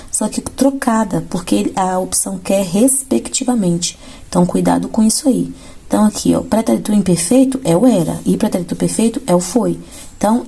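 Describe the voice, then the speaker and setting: Gravelly-voiced woman teaching grammar. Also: medium pitch, warm tone. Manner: explanatory, checks in with "tá bom?" and "ó". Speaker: Portuguese teacher. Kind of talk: exam-prep lesson going through questions.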